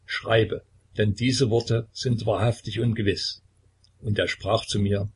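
A man's voice: on the low side, steady tone, slow, a little hiss or hum. A man voicing a young man who solemnly reads scripture aloud to a congregation in a storybook. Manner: solemn recitation.

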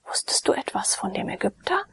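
A woman reading as a gentle noble young lady. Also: brisk, whispered, natural voice. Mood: tender.

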